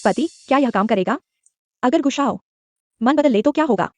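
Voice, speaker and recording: A woman dubbing a scheming, anxious wife with a breathy, wheedling manner. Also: high-pitched, lively intonation, moderate pace, dry recording, clean studio sound, faint music behind. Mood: worried. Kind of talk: Hindi dubbing of a drama.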